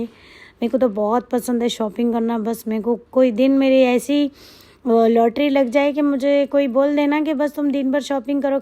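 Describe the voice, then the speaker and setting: A woman with a hoarse throat from a cold, rambling chattily in a casual vlog voice-over. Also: fairly high pitch, mellow, lo-fi sound. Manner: chatty, rambling, repeats herself. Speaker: shopping vlogger.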